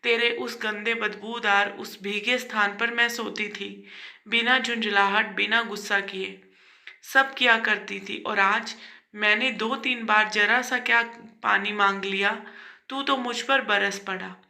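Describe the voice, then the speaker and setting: A woman's voice: mid-range voice, steady tone, a little slow, gravelly, pushed and bright, roomy sound, exaggerated voice. A woman voicing an elderly, patient and loving mother in a storybook tale. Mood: reproachful.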